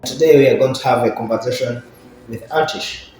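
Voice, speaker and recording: A man's voice: mid-range voice, brisk, darkish tone. A man hosting an interview, putting questions to his guest in a conversational way. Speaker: interviewer, host. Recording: very echoey room, music in mix.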